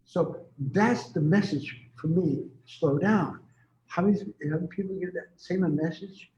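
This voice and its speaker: A rambling, chatty healer in his seventies speaks casually in an interview, his high-pitched voice unhurried and a little mellow. The room echoes and the lo-fi sound is dull.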